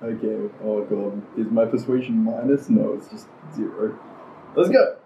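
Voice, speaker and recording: A man's voice: lowish voice, measured pace, dark tone. A man playing a tabletop game, chatting playfully and speaking earnestly in character. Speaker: player. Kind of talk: casual tabletop game play. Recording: roomy, slightly dull with faint noise.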